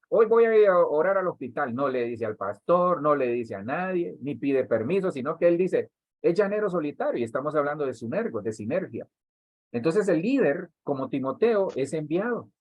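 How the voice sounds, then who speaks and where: Husky-voiced Honduran pastor teaching church workers. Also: male voice, mid-range voice, no room sound, rough recording. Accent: Honduran Spanish. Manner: addresses listeners directly, repeats words, builds emphasis.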